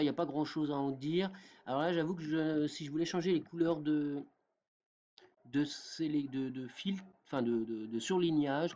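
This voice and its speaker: A man with a somewhat high voice explains a program step by step, like a teacher doing a screen-recorded tutorial. He fills pauses with hesitations and keeps checking in with his viewers. The sound is dull and lo-fi. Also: mellow. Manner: talks step by step with many fillers and a repeated "d'accord?". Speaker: software tutorial presenter.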